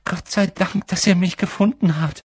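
A man's voice: high voice, steady tone, normal speed, a little mellow, breathy edge, no echo, voice pushed up. A man voicing a timid, anxious young schoolboy who pleads not to be left alone, in an audiobook reading. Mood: relieved.

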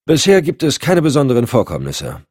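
A man's voice: mid-range voice, wildly swooping pitch, a little fast, a little mellow, breathy edge, dry recording, clean studio sound, pitched above the performer's own voice. A man voicing a nervous young male junior agent who stammers anxiously.

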